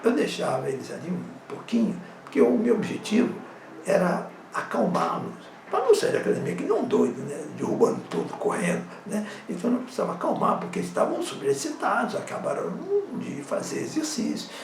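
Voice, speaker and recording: A man telling stories in a relaxed monologue, often tagging his sentences with little questions for the listener. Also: high-pitched, brisk, gravelly, echoey room, distant mic, background noise. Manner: conversational, frequent tag questions. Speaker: psychosomatic therapist and former judo instructor. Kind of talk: casual storytelling monologue.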